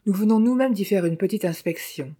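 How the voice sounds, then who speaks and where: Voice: medium pitch, brisk, warm tone, breathy edge, natural voice. Narrator voicing a dry, self-assured journalist. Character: sure-of-himself male journalist. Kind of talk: audiobook character voice.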